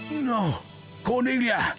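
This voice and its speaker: A man plays an anguished young lover and avenger in a game's stage melodrama. The lines are declaimed slowly in archaic speech, over music. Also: fairly high pitch, voice pushed up, lightly acted.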